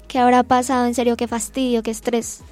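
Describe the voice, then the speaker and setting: A woman with a Bogotá accent in an amateur radio drama, talking in an animated, emphatic way. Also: fairly high pitch, a little fast, no room sound, soft background music. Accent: Bogotá Colombian Spanish. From Bogotá, Colombia.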